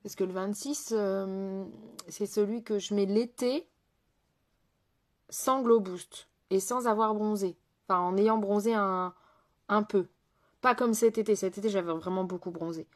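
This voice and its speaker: A woman makeup artist hosts a live makeup session in a loose, chatty way. She talks to her viewers directly, picks up their comments as she goes, and often trails off or hesitates mid-thought. Her voice sits at an ordinary middle pitch. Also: a little slow. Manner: frequent fillers and trailing off mid-sentence.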